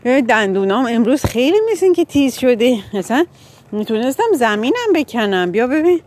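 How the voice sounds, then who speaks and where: A woman's voice: a little high, very animated, darkish tone, a little hiss or hum. Woman playing an eager, boasting rabbit. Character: proud rabbit with strong teeth.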